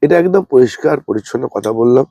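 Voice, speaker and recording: A man, unwell, giving a slow, plain, repetitive gardening demonstration as a channel host. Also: mid-range voice, lively intonation, dark tone, no echo, muffled recording. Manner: speaks slowly and plainly, repeating points.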